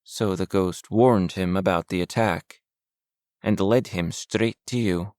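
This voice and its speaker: A man's voice: low voice, takes it slowly, darkish tone, no room sound, clean studio sound. A man voicing a blunt, resolute young woman.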